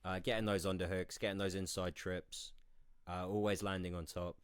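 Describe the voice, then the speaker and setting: A man's voice: low-pitched, level tone, moderate pace, clean tone, no room sound, clean studio sound. A hungover man co-hosting a casual sports talk, groping for words and swearing freely. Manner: sweary, informal. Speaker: podcast co-host.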